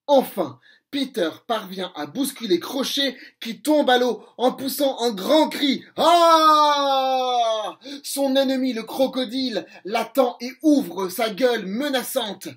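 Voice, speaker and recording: A man reading a storybook aloud to children, slow and expressive. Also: extremely high pitch.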